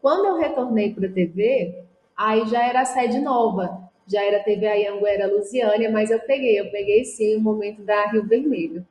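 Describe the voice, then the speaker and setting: Reflecting conversationally as an interview guest, a young adult woman peppers her answers with "e aí" and "assim". She comes from Luziânia, Goiás, in Brazil, once worked as a TV reporter, and runs a communications business. Her mid-range voice has a darkish tone at a moderate pace, recorded in an echoey room.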